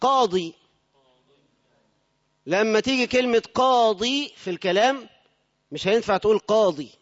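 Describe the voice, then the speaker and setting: A man's voice: high-pitched, lively intonation, normal speed, fairly bright tone. A man with an Egyptian Arabic accent teaching a grammar lesson to a class, putting questions to the students and answering them himself. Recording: dull lo-fi recording with long hall reverb.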